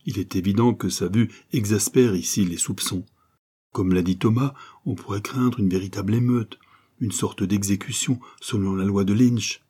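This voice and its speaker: A man's voice: fairly low pitch, moderate pace, warm tone, husky. A man reading a troubled, reasoning father. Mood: anxious.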